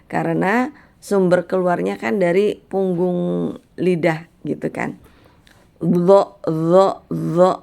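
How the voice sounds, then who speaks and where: A middle-aged woman teaching recitation, speaking gently and encouragingly while she demonstrates sounds slowly. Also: medium pitch, gravelly. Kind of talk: patient spoken lesson on letter pronunciation.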